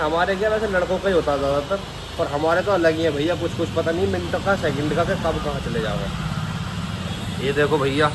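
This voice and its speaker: A man's voice: on the high side, noisy background. Joking young man vlogger, twang. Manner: joking, boastful banter. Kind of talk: casual vlog chat.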